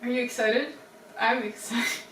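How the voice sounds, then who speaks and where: A woman's voice: on the high side, fairly even intonation, unhurried, a bit bright, a little hiss or hum. Young woman, eager co-host reader, distant echoey mic. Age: young adult. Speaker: co-host reading fan fiction. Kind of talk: casual livestream chat and reading aloud.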